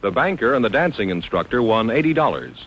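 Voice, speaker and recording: A man's voice: mid-range voice, very animated, fast talker, fairly bright tone, a little hiss or hum. A man announcing on a quiz show, introducing contestants in a polished, formal way. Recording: dull old broadcast recording.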